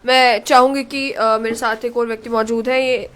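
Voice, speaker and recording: A woman's voice: a little high, little pitch movement, normal speed, fairly bright tone. A woman interviewer asking probing questions in a news interview.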